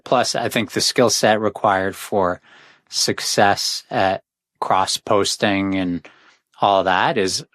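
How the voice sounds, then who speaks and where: A man with a low voice hosting a casual interview, friendly and encouraging with loose, easygoing phrasing. The sound is dry and close, with no room echo. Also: fairly bright tone. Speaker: podcast host.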